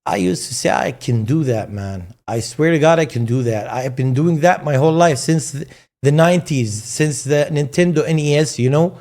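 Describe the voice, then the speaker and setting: Hosting a casual English-language interview, a streamer in his forties who grew up speaking Arabic frequently stammers and starts his words over. He talks at normal speed in a slightly high, somewhat mellow voice.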